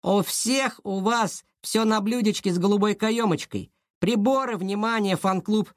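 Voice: mid-range voice, a little slow, no room sound, voice pushed up, close to an everyday voice. A reader voicing a schoolboy sidekick who sneers with dry irony. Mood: ironic sneering. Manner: ironic, sneering.

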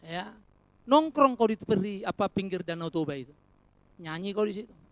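Lively preacher with jokey asides. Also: mid-range voice, normal speed, no room sound. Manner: animated, rhetorical, addresses congregation as brothers and sisters. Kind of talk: sermon.

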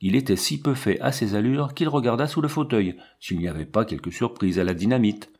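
A man giving a measured, expressive narration of a literary audiobook. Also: medium pitch.

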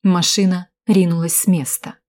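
A woman with a somewhat low voice reads a dramatic story in the first person. Her audiobook narration is steady and expressive throughout. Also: normal speed.

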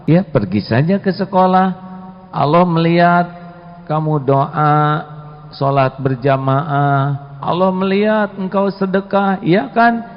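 Man playing firm pious father, raised pitch, reverberant hall. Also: takes it slowly. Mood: urging. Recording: dull echoey hall recording.

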